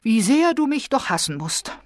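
A woman's voice: on the high side, very animated, moderate pace, a little mellow, no echo, studio quality, pitched above the performer's own voice. Woman doing a whiny, self-pitying invalid wife. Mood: plaintive. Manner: plaintive, complaining.

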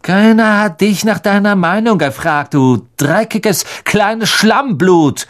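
A man voicing an arrogant, sneering schoolboy rival in a slow, haughty drawl. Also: high-pitched, animated, voice pushed up. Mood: spiteful.

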